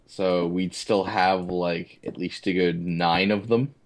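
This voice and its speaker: Low-voiced man chatting while gaming. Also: fairly even intonation, slow, a little hiss or hum. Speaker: co-host of a gaming video series. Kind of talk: casual chat while gaming.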